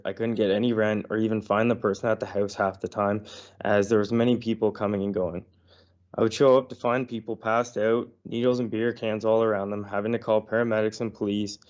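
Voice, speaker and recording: An earnest man reads a prepared statement to a council committee while under the weather. His voice sits on the low side, and the remote line makes it sound dull and lo-fi. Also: a little mellow. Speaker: property owner presenting to council. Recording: dull lo-fi online audio.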